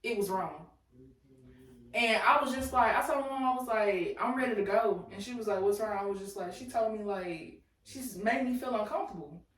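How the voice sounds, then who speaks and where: Here a podcast co-host in her late twenties chats casually and loosely, trading stories amid plenty of laughter. Her mid-range voice moves at a moderate pace, picked up by a distant mic in a room with echo.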